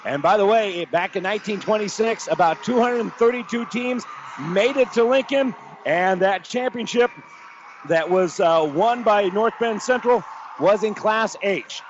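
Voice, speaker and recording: A man's voice: high-pitched, a little slow, a little hiss or hum. A man hosting a live sports pregame show on radio in an upbeat morning show host style, with a projected announcer delivery. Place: basketball arena broadcast position. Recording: dull, band-limited live radio broadcast.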